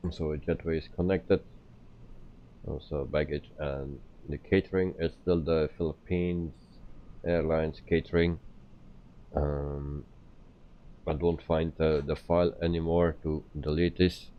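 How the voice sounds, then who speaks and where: Very deep, slow-talking man streaming, dull sound. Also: fairly even intonation. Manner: hesitant, explaining step by step. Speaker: flight simulator live streamer. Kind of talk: casual game commentary.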